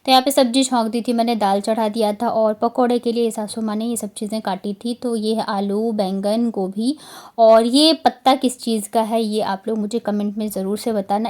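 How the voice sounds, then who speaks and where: Woman from bihar rambling thru her home vlog, kinda high voice, lots of fillers. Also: a little mellow. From Bihar, India. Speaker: vlogger. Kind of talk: casual vlog voice-over narration.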